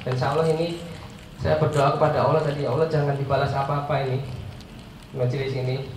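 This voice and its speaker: A guest motivational speaker in his forties, with an Indonesian accent and a stuffy, nasal voice, gives an informal, jokey talk, treating listeners as friends and dropping self-deprecating asides. His voice sits on the high side with little pitch movement and a quick pace. An echoey room and far mic leave clear background noise.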